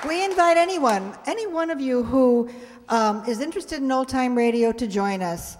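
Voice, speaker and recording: On a community hall stage, a woman in her sixties from a radio players group gives closing thanks and announcements, partly scripted, in a high, expressive, darkish voice at normal speed. An audience camera recorded her through a stand microphone, capturing echoey hall acoustics, some background chatter, and slight hiss or hum.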